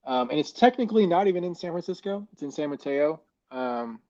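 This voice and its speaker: A man's voice: on the high side, animated, a little fast, darkish tone. A man co-hosting a casual chat in a rambling way, his voice hollow and muffled as if inside a fishbowl, recorded through a mic plugged into a phone. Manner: rambling, loose, heavy on "like" fillers. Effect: hollow muffled fishbowl sound. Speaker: co-host. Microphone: external mic plugged into a phone.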